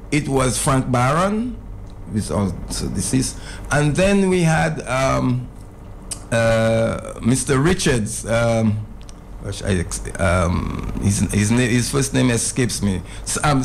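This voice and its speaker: A man's voice: mid-range voice, creaky, slight background noise, low-quality recording. A middle-aged man, talking earnestly as a radio show guest and often restarting his phrases. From Dominica. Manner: earnest, repeats words when restarting, rising emphasis. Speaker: radio talk show guest, former UN ambassador. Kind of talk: casual radio interview. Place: radio studio.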